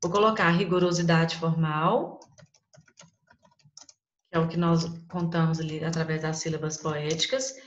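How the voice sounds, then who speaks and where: A Brazilian woman teaching a literature class online, counting out poetic syllables slowly and deliberately. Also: deep voice, steady tone, a little hiss or hum. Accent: Brazilian Portuguese. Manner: slow, syllable-by-syllable scansion. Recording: dull, roomy sound.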